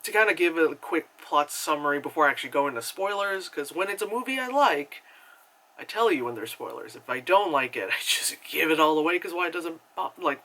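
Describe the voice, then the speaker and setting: Talking fast, a young man chats through a movie review, rambling and leaning on fillers like "like" and "you know." His voice sits a bit high with a bright, forward quality. He's animated and keeps breaking into high-pitched acted reactions.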